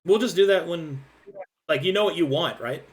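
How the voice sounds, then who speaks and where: A man's voice: on the high side, normal speed. A man running a tabletop game as game master, chatting casually and animatedly with his players and swearing freely.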